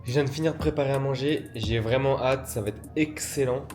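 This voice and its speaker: A man's voice: mid-range voice, brisk, echoey room, faint music behind. Chatty young French man vlogging. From France. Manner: relaxed, chatty, many fillers. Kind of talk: casual vlog narration.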